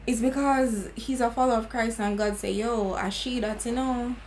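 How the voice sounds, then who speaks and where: A woman's voice: fairly high pitch, steady tone, normal speed, a little mellow, a little hiss or hum, poor audio. A woman in her twenties with a Jamaican accent, chatting earnestly and slipping into patois. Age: 20s. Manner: earnest, laughing, slips into patois. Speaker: beauty vlogger. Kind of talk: casual chat.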